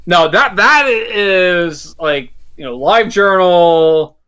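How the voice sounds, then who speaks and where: A man's voice: high voice, lively intonation, slow pace, bright, forceful tone, smooth. A man co-hosting a casual podcast chat, rambling and blunt, with frequent swearing. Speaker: podcast co-host.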